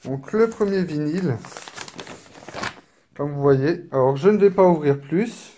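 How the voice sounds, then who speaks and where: A man casually presenting a collector's edition, chatty and apologetic, filling pauses with little interjections. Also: a little high, dark tone, slight background noise. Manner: unhurried, chatty, filler-heavy with frequent "hop" and "donc"; apologetic and self-deprecating. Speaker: unboxing video creator. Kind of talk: casual unboxing commentary. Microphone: camera mic, filming one-handed.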